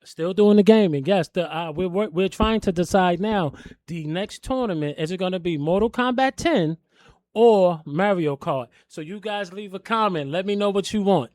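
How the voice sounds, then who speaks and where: A man's voice: high-pitched, normal speed, darkish tone, dry recording. A man who runs a wrestling promotion, talking enthusiastically and loosely as a guest in an interview. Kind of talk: casual interview. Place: collectibles shop, indoors.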